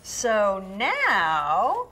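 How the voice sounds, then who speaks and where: A woman's voice: mid-range voice, huge pitch swings, very slow, background noise, heavily acted. A woman playing a perky, emphatic housewife doing a hard-sell infomercial demonstration. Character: perky enthusiastic housewife demonstrating a kitchen gadget. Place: studio kitchen set.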